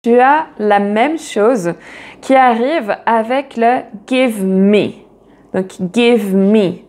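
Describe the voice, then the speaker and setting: A woman's voice: on the high side, extremely slow, a little mellow. A woman teaching a casual video lesson, explaining step by step and repeating each phrase. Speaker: English teacher.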